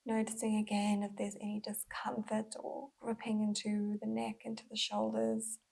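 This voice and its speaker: Heard through a low-quality recording, a mindful movement instructor guides a body scan in a mid-range, monotone voice that's breathy and slightly husky. She keeps things gentle and unhurried, with pauses.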